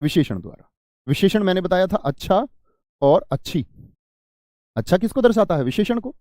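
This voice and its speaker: A man's voice: high-pitched, big pitch swings, normal speed, warm tone, no room sound, studio quality. A man teaching an exam-prep grammar lesson, who asks his students questions, answers them himself and repeats key phrases.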